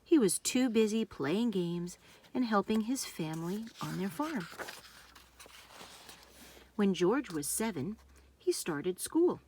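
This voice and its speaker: A woman narrates a children's storybook, reading aloud in simple, deliberate phrases for young listeners. Her medium-pitched voice is sing-song with a darkish tone, and there's a slight hiss or hum on the recording.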